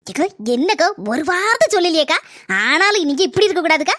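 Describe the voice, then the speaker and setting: A woman's voice: extremely high pitch, expressive, quick pace, fairly bright tone, no echo, clean studio sound. A woman voicing a sulky neighbour woman in a cartoon, complaining in Kanyakumari Tamil. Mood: hurt. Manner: whiny, reproachful.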